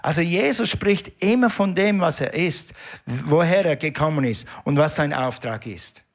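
A man's voice: fairly high pitch, animated, normal speed. A man preaching a sermon in a church, emphatic and repetitive, calling the congregation to respond. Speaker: pastor.

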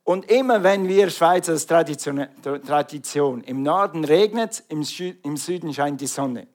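A middle-aged man from Switzerland with a Swiss German accent, preaching an animated sermon and calling out to the congregation. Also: on the high side, unhurried.

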